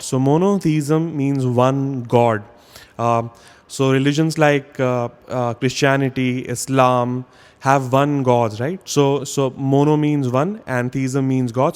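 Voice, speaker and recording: An Indian man teaches a vocabulary lesson in a casual spoken style, explaining step by step and often checking in with "okay?". His medium-pitched voice has a darkish, clean tone.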